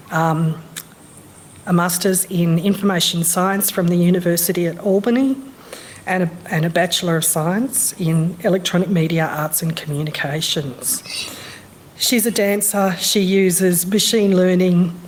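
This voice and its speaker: Woman chairing a conference session, slightly hoarse. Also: on the low side, a little hiss or hum. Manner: chatty, with fillers. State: losing her voice. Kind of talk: conference introductions. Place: conference room.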